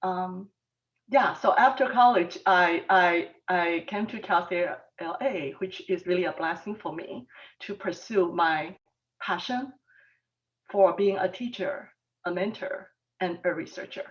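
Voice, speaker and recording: Her voice is fairly low and gentle: a Taiwanese-born mathematics professor pausing often and filling gaps with um. She is a panelist delivering a personal talk online. The recording feels remote, flat and lo-fi.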